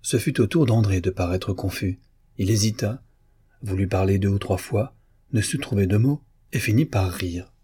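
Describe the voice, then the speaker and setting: Guy reading an old novel out loud, low husky voice, steady pace. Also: normal speed, dry recording. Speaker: audiobook narrator.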